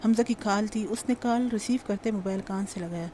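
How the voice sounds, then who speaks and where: A woman narrating a romance novel audiobook in an even, measured reading. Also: mid-range voice, a little hiss or hum.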